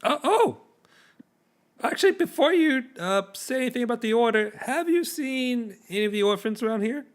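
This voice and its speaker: A man's voice: very high voice, lively intonation, moderate pace, pitched above the performer's own voice. A man voicing an eager, officious, odd little guard captain in a tabletop game, earnest and overexcited. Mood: earnest, concerned. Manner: overexcited, self-announcing, earnest.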